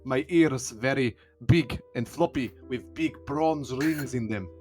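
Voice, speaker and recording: A man's voice: lowish voice, steady tone, normal speed, a bit bright, soft background music, close to an everyday voice. A man voicing a large, stern male elephant-man warrior in broken English with a put-on accent. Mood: gruff boastful.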